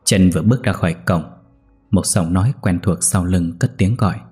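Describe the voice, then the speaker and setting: A man tells a dramatic tale with a low, husky voice. He narrates in a measured, steady way. Faint music sits under his reading. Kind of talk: storytelling.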